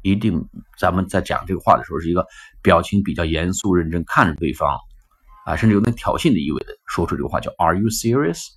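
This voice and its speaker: A man with a Cantonese-influenced Mandarin accent teaching a casual spoken-English lesson, animated and acting out the phrases he explains. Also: low-pitched, fast talker, husky. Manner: animated, acts out quoted lines.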